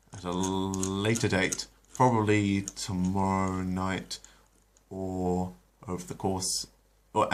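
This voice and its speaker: A man with a very deep voice, a storyteller and channel host, reads a retold episode aloud in a relaxed storybook style. When he departs from the script for casual chat, he speaks loosely and hesitantly, pausing often.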